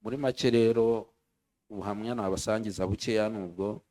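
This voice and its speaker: A man from Rwanda giving an earnest church testimony, speaking in short phrases and pausing so an interpreter can follow. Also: on the low side, steady tone, warm tone. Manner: earnest, pauses for interpreter after each phrase.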